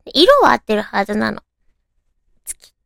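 A woman's voice: fairly high pitch, very animated, quick pace, vocal fry, a bit bright, dry recording, clean studio sound. A woman with a naturally cute, girlish anime voice hosts a chatty solo radio show, talking playfully to listeners as friends.

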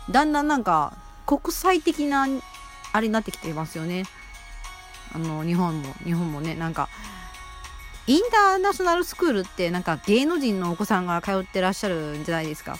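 A woman's voice: fairly low pitch, sing-song, brisk, soft background music. A woman hosting her own casual solo talk show on a radio app, chatting in a rambling, self-deprecating way with many fillers. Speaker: amateur radio-app host.

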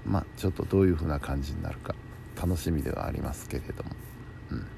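A man's voice: extremely low pitch, quick pace, gravelly. A man chatting casually and alone as the host of a bedtime talk show, musing to himself in a polite, conversational way. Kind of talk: casual solo chat. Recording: faint background noise.

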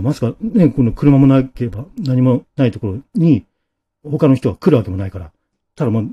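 A spooked young man tells of his scare in a hushed, uneasy voice, as a male storyteller puts him on. The tone is mellow and slightly husky, with pitch that rises and falls freely.

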